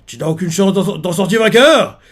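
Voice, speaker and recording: A man's voice: sits high, animated, moderate pace, pitched above the performer's own voice. A man voicing a stern adult police officer while reading a manga aloud.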